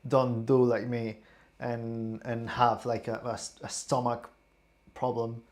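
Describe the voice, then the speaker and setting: Slow-talking tipsy young man. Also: mid-range voice, completely flat delivery. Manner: rambling, halting, repeats words. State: tipsy and queasy. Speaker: streamer. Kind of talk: casual vlog, taste testing.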